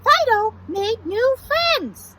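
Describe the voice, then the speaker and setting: A woman's voice: very high-pitched, big pitch swings, very slow, pushed and bright, a little hiss or hum, voice pushed up, heavily acted, low-quality recording. A woman voicing an earnest, devoted little girl in a children's storybook. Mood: excited. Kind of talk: storybook character reading.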